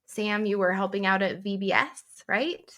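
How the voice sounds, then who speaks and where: A middle-aged woman co-hosting a podcast, telling stories in casual chat, animated and laughing often. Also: medium pitch, moderate pace. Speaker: podcast co-host.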